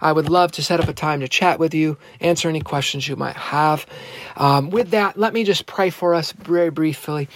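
A man preaching a sermon as pastor, earnest and emphatic, slowing down to stress key words and repeating phrases for effect. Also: a little high, no echo.

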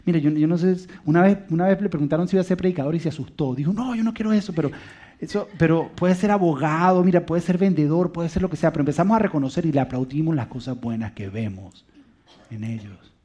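A man preaching with quick, rushing delivery and a warm, mellow tone pitched a little high for a man. He tells stories with lively energy and sinks into hushed emphasis for key lines. The recording sounds dull and lo-fi. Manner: animated storytelling, dropping to soft quiet emphasis. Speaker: pastor. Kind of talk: sermon with personal stories.

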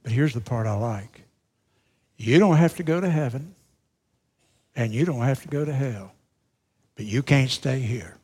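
A middle-aged male pastor preaching a sermon, swinging between loud, emphatic lines and hushed, slowed-down phrases. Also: mid-range voice, slightly rough. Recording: long reverb of a large hall.

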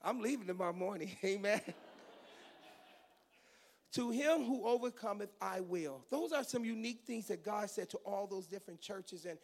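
Between prayer and passages of scripture, a man in his fifties preaching a teaching sermon throws in goofy jokes. He's a pastor with a raspy voice that sits high, and he speaks at a normal speed.

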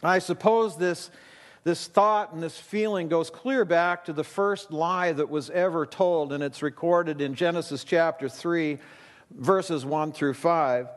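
A man's voice: fairly high pitch, unhurried, in a large hall. Man preaching at a pulpit microphone. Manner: conversational preaching with easy asides. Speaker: pastor. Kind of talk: sermon.

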